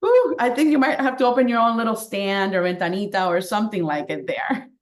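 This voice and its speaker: A chatty woman hosts an interview, upbeat and quick to laugh. Her voice sits at a middling pitch. It rings a little in a roomy space. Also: lively intonation. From Miami, Florida. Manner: upbeat, laughs often, drops Spanish words. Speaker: podcast host. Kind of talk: casual interview. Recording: roomy echo.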